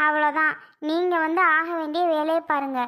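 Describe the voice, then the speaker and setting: A headstrong elderly mother from a cartoon, as a woman voices her. She speaks firmly and insistently, in a very high-pitched voice. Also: steady tone, moderate pace, sharp tone. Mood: defiant. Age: older. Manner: firm, insistent, scolding. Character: stubborn elderly mother giving her kidney. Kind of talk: cartoon voice acting.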